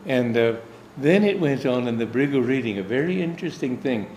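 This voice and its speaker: Animated and brisk, this American spiritual teacher and swami shares a personal anecdote in a roundabout storytelling style. His medium-pitched voice has a slightly mellow quality, and slight background noise accompanies it. The recording carries the echo of a room and faint ambience.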